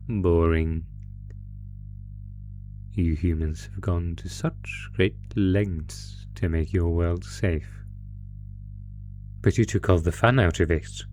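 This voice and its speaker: A man with a low, mellow voice portrays a sadistic monster hiding under the bed for a horror audio roleplay. He mocks the listener sweetly, lingering over every threat.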